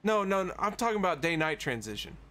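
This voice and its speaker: Man, Missouri accent, fairly high voice, race commentator, conversational play-by-play, noticeable background noise. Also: sing-song, quick pace, pushed and bright. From Missouri, USA. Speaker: sim racing commentator. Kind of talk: live race commentary with casual banter.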